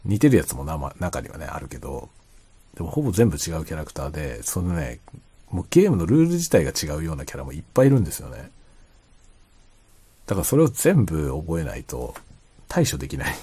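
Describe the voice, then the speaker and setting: A man chatting casually and quietly late at night, rambling as he explains, often trailing into soft asides. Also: very animated, fast talker, breathy edge. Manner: quiet, low-voiced late-night talk. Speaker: streamer chatting to listeners.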